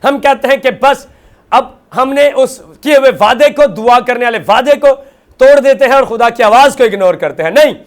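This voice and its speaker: A man's voice: extremely high pitch, moderate pace. A male pastor delivering a televised sermon with a repetitive, emphatic preaching cadence, mixing English words into his speech.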